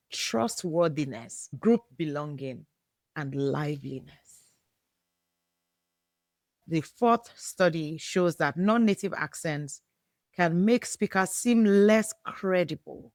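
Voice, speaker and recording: A woman hosting a podcast, delivering scripted explanatory narration in deliberate, emphatic short phrases. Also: low-pitched, no echo. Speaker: podcast host.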